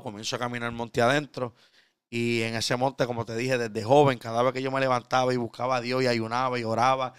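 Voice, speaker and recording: A man in his thirties with a Puerto Rican accent, a preacher telling his conversion story earnestly and sometimes dropping to a hush. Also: medium pitch, clean tone, no room sound, studio quality. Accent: Puerto Rican Spanish. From Puerto Rico. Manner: earnest storytelling, drops to a hushed tone for intimate moments. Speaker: preacher guest. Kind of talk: conversational testimony.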